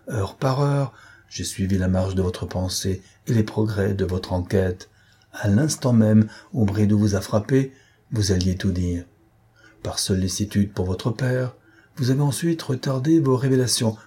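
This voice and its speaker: A man voicing an imperious, menacing gentleman thief in an audiobook reading, with a forceful, threatening delivery. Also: lowish voice, breathy edge.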